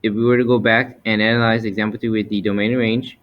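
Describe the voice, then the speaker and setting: A man's voice: on the low side, level tone, fast talker, lo-fi sound. A man teaching step by step as he narrates slides, methodical and explanatory, often restating his points. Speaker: math teacher. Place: voice-over for a screen recording.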